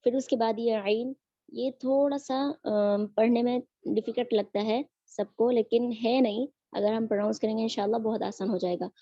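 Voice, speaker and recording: A woman teaching Quran recitation in an online lesson, drilling each sound slowly and patiently. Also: fairly high pitch, fairly even intonation, dark tone, no echo, dull audio.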